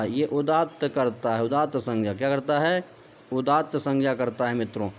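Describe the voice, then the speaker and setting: A man's voice: fairly high pitch, highs cut off. A man teaching Sanskrit grammar in an online lecture. He explains step by step, asks questions and answers them himself. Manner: explanatory, repeats points as questions to the viewer, addresses them as friends.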